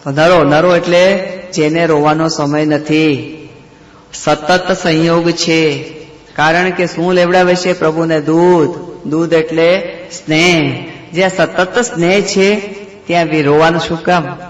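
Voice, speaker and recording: A man's voice: a little high, steady tone, a little slow. Man preaching in an echoing hall. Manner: retells scripture stories, explains them, asks rhetorical questions. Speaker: devotional storyteller. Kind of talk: devotional story sermon. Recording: echoey hall reverb.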